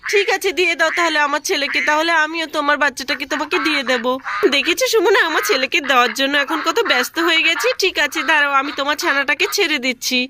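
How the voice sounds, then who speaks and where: A woman's voice: sits high, fast, noisy background, lightly acted. A woman voicing an anxious young mother in a cartoon who coaxes and pleads. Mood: coaxing worried. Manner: coaxing, pleading. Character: young mother Rupa, anxious for her son.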